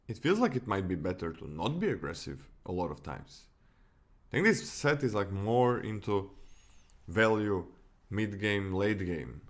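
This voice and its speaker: A man from Croatia with a Croatian accent, co-hosting a casual card-review podcast, often restarting and correcting himself. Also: on the low side. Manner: animated, many restarts and self-corrections. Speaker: podcast co-host.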